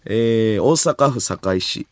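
A man's voice: on the low side, takes it slowly, no room sound. A young man with a Kansai accent, co-hosting late-night radio, joking and reading listener mail aloud in a studio. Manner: lively, jokey, reads listener mail aloud. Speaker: radio show co-host. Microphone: studio mic.

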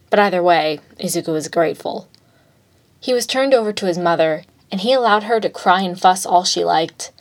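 A woman with a somewhat low voice reads fan fiction aloud. She keeps a steady, plain storytelling delivery throughout the narration.

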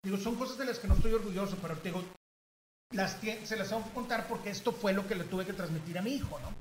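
A man with a Mexican accent spins a story in casual chat, and his voice sits fairly high. He talks in an animated way and acts out the people he quotes. The room is echoey, with clear noise behind him. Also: quick pace. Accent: Mexican Spanish.

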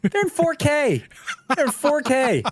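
A man co-hosting a podcast in casual chat, teasing and lively, sometimes trailing off into mumbles. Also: very high-pitched, unhurried. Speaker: podcast co-host.

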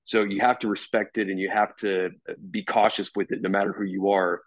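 Low-voiced man, halting sports chatter. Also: little pitch movement, no room sound. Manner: halting, many restarts and fillers. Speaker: podcast co-host. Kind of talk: casual sports chat.

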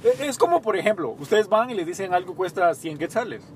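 Young Guatemalan man, co-host, high animated voice, playful storyteller in a car. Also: fairly quick, slight background noise. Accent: Guatemalan Spanish. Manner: storytelling, acts out quoted dialogue, joking. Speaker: podcast co-host, small bakery owner. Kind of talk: casual chat. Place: inside a car, parking.

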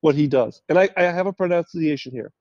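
A chatty, opinionated man trades college football takes with a friend. His voice sits somewhat high but sounds mellow. The recording is dull and dry. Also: no echo. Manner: opinionated, chatty, quick to tease. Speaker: sports podcast co-host. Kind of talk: casual sports chat.

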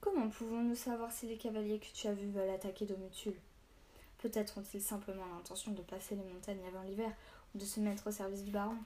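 A scornful village cobbler from a read-aloud story, loudly dismissive of the others. A woman puts him on. Her voice is warm and mellow. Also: medium pitch, level tone, fast talker, slight background noise, lightly acted. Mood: doubtful.

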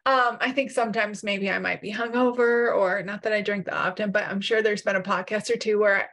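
A woman's voice: mid-range voice, steady tone, fairly quick, fairly bright tone. A woman co-hosting a podcast in casual chat, talkative and self-teasing, laughing easily, with a groggy morning voice. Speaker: podcast co-host.

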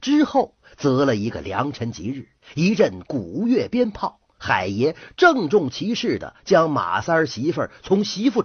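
Dramatic storyteller a husky voice. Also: male voice, medium pitch, dry recording. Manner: dramatic, with swooping emphasis and drawn-out phrases. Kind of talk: folk tale storytelling. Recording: dull, dry lo-fi recording.

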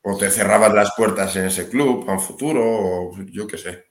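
A man with a lowish voice talks through an interview in a casual, halting way, breaking off and circling back. The room adds a noticeable echo. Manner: hesitant, trails off and restarts. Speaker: basketball player, interview guest. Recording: roomy echo.

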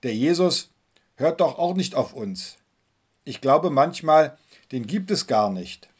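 Whiny hot-tempered little boy as a pastor puts him on, husky, complaining, storybook sermon. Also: medium pitch, lively intonation, slow. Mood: sulky complaint. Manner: complaining, pleading.

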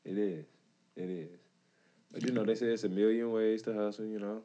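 A man's voice: on the low side, steady tone, fairly quick, warm tone, lo-fi sound. A man with a Detroit accent chatting casually as a podcast co-host, rambling with lots of fillers. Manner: laid-back, rambling with many fillers. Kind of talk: casual chat.

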